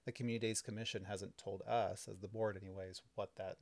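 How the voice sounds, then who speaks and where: A man's voice: lowish voice, flat delivery, fast, creaky, darkish tone, no room sound. A man hosting a casual podcast from home, recapping village board business in an explanatory, chatty way with many fillers. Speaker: village trustee and podcast host. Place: home, kids and cats in the house.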